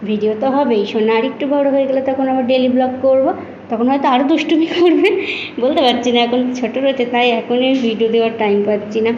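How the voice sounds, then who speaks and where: A woman's voice: high-pitched, fast, a little mellow, slight background noise. A tired young woman, a new mother, chatting casually and rambling to her viewers in a home vlog filmed on a phone. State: tired from lack of sleep. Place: room at home. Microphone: phone camera. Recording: muffled, echoey room recording.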